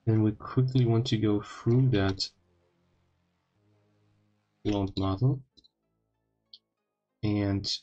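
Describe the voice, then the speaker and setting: Slow, slightly impeded low-voiced man. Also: fairly even intonation, mellow, muffled recording, faint music behind. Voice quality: slightly odd, impeded speech after wisdom teeth removal. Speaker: tutorial host. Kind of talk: informal screen-recorded coding tutorial.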